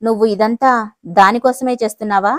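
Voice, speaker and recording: A woman voicing an angry, pushy company boss who talks in a loud, indignant way. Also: mid-range voice, fairly even intonation, brisk, no room sound, clean studio sound, close to an everyday voice. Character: angry, pushy middle-aged company CEO.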